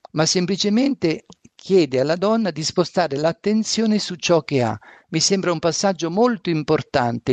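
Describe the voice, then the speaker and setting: A man preaching a sermon and reading scripture aloud, reflective and asking rhetorical questions, with a gravelly voice. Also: fairly high pitch, no room sound, dull audio.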